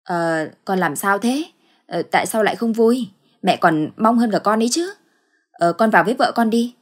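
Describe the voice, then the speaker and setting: A woman's voice: mid-range voice, expressive, moderate pace, slightly rough. A woman voicing a scheming, cruel older mother-in-law who puts on a sweet tone. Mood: flustered. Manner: sly, feigned sweetness.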